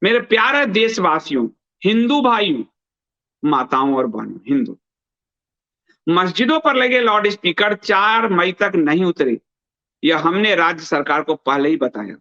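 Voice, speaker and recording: The band-limited, dull lo-fi audio carries a man's high, sharp voice as he hosts news commentary. He reads aloud, adds emphatic remarks, and repeats phrases for stress.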